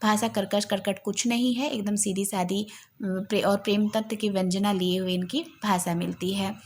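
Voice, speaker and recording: A woman teaching a literature lesson for exam preparation. She explains patiently, repeats key points, uses frequent fillers, and recites verses slowly and carefully. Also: medium pitch, fairly even intonation, a little hiss or hum. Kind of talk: exam-focused lecture.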